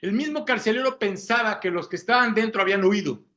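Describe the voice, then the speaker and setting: Guy preaching a sunday sermon, high bright voice, keeps going "¿sí?". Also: quick pace. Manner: asks listeners rhetorical questions, frequent "¿sí?".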